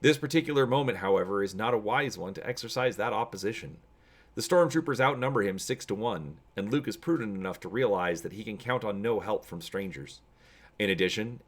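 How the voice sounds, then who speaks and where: Here the voice is a man's, lowish, animated and brisk. Hosting a tabletop gaming channel, he chats with his audience in a casual intro and then reads an adventure story aloud as a dramatic narrator.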